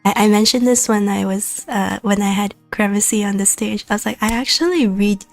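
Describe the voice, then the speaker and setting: A woman's voice: mid-range voice, steady tone, brisk, vocal fry, no room sound, soft background music. A woman hosting a casual podcast, asking questions and laughing often. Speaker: podcast host.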